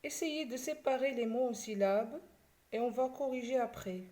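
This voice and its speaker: A Moroccan woman with a fairly high, mellow voice teaches a primary school class in a video lesson. She speaks to her pupils slowly, breaking words into syllables one at a time.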